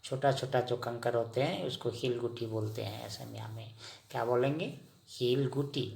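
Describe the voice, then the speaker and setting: A man teaching vocabulary in a slow lesson, asking the listener each word and then repeating the answer. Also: mid-range voice, fairly even intonation, creaky, a little mellow. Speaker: language teacher.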